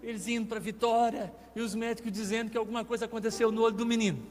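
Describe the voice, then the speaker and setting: A Brazilian man preaching as a guest pastor, telling a personal testimony as a vivid storyteller who acts out the dialogue. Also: high voice. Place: church sanctuary. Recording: reverberant church hall with faint music.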